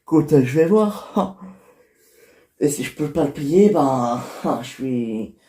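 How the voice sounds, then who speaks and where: A performer voicing an easygoing middle-aged father in a homemade toy-figure series, chatty and relaxed, laughing between lines. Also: medium pitch, extremely slow. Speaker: father of the family.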